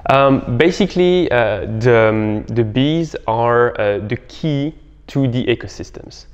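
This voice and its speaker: A young adult man, a startup co-founder appearing as an interview guest, gives halting, hesitant explanatory answers. His mid-range voice is animated with a clean tone, picked up by a clip-on lapel mic in a bright indoor living room. The recording sounds muffled and reverberant.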